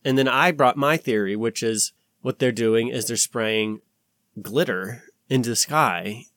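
A man's voice: medium pitch, unhurried, a bit bright, dry recording. Man, podcast host, casual conspiracy talk, insistent warning tone, rambling, sweary, close dry recording. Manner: rambling, swearing, acts out imagined dialogue.

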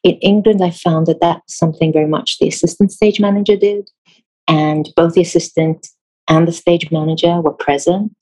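A theatre designer from Israel answers interview questions thoughtfully and in a measured way, pausing and correcting herself along the way. Her voice is lowish and darkish in tone, with fairly even intonation, and the audio is poor.

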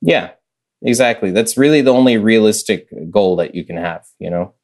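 A man's voice: fairly low pitch, lively intonation, normal speed, a little mellow. A young man chatting as a podcast guest, rambling with lots of filler words. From United States. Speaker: podcast guest, chess master. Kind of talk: casual conversation.

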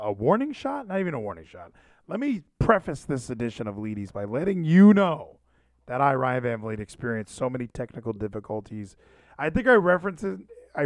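A man hosts a podcast and livestream, chatting casually and ramblingly, often interrupting and repeating himself into a handheld microphone. His voice is medium-pitched, and the recording is dry.

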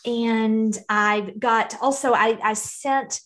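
A woman's voice: a little high, fairly even intonation, takes it slowly, a bit bright. A woman talking conversationally as a podcast guest, in an earnest, encouraging way. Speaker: podcast guest, financial educator for parents. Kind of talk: conversational interview talk.

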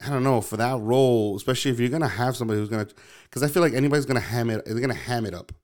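A man's voice: medium pitch, racing, a little mellow. A man in casual chat, rambling and hesitant, with many fillers and restarts.

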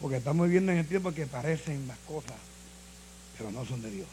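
A man preaching a sermon as pastor, switching between low, quiet passages and shouted calls to the congregation. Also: lively intonation, fast talker, a little hiss or hum.

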